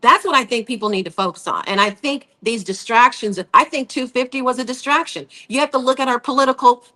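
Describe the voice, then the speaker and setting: A woman's voice: a little high, brisk, bright, forceful tone. A woman co-hosting a casual political podcast, ranting bluntly with profanity.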